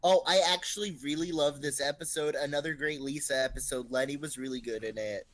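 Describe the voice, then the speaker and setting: A man's voice: on the high side, fairly even intonation, brisk, over a noisy crowd. A man co-hosting a casual podcast, giving opinionated and teasing takes. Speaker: podcast co-host.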